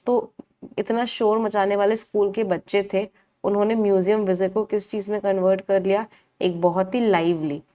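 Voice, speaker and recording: A woman's voice: lowish voice, darkish tone. A woman teaching English vocabulary in a live online class, asking the class questions, answering them herself and repeating each meaning.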